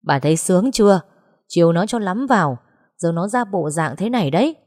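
A woman voicing a gruff, scolding old father. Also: fairly low pitch, expressive, brisk, a little mellow, natural voice. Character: angry middle-aged father, short-tempered.

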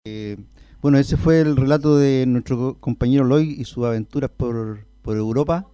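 A man announces the next segment in a plain way. His voice is mellow and smooth, and the sound is dry. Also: mid-range voice, moderate pace, no room sound. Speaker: radio presenter. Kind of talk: radio link announcement.

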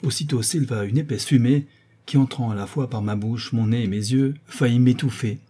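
Brief: male audiobook narrator, dark husky voice, measured and expressive. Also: medium pitch.

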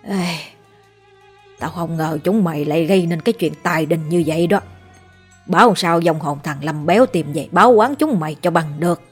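A woman voicing a stern older male village sorcerer who lectures in a gruff, rough-spoken way. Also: fairly low pitch, moderate pace, soft background music. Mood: grave. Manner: gruff, lecturing, uses rough familiar address.

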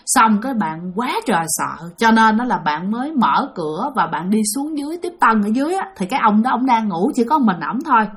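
A woman's voice: on the high side, animated, fairly quick, hardly any pauses. A woman with a Southern Vietnamese accent narrating a ghost story, chatty and talking straight to her listeners. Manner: chatty, addresses listeners directly.

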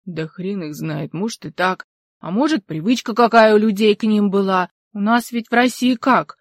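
A chatty old villager spins local legends in a loud, folksy, emphatic manner, as a woman reader puts him on. The voice is lively and pushes its lines hard, with a dry, close sound and no room around it. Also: medium pitch, moderate pace, no echo, natural voice. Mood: folksy storytelling. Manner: folksy, emphatic, rustic speech. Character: talkative old village man, folksy storyteller.

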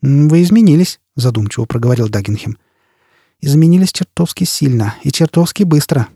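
A man's voice: on the high side, expressive, brisk, dark tone, slightly rough, no echo. A male reader voicing a dry, probing male security chief in an audiobook. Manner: dry, probing, then agitated. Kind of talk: audiobook character reading.

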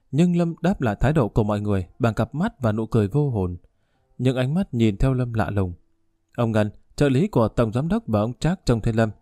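A man narrating a novel in a steady storytelling voice, lightly shifting his tone for each character's lines. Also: medium pitch, no room sound, studio quality. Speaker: audiobook narrator. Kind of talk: scripted narration of a novel, voicing all characters.

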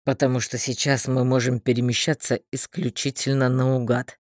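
A man voicing a stern, grumpy male mage in an audiobook, speaking gruffly and curtly. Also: medium pitch, level tone, moderate pace, no echo, studio quality, close to an everyday voice. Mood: gloomy. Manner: gruff, curt.

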